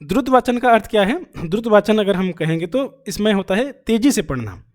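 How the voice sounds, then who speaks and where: A man teaching an exam-prep lesson, explaining by asking and answering his own questions, repeating key phrases, with pauses and fillers. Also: sits high, expressive, a little mellow. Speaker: Hindi teaching-methods teacher.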